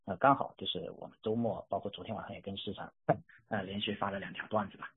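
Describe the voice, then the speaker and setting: A man's voice: fairly low pitch, fairly even intonation, fast talker, slightly rough. A man giving a semi-formal analyst briefing, with frequent filler words. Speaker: industry analyst on an investor call. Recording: tinny phone-line conference audio.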